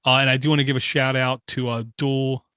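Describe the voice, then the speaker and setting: A man's voice: mid-range voice, a little fast, clean tone, dry recording, studio quality. A man hosting a tech podcast, wrapping up the show in a casual tone with a lot of "uh" fillers. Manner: steady, many "uh" fillers, reads out contact details. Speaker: podcast host. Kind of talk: casual sign-off chat.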